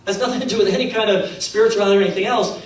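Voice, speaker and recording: A man's voice: high-pitched, steady tone, very fast. A middle-aged man telling stories to an audience, acting out the quotes and laughing at his own jokes. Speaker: speaker at a faith conference. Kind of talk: storytelling talk to an audience. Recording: very echoey hall, mic at a distance.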